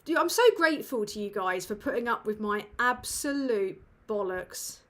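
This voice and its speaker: A woman with a British English accent hosts a casual livestream Q&A from a dim room at home. She rambles and swears, with lots of ums and other fillers, in an expressive, fairly bright, medium-pitched voice at a moderate pace.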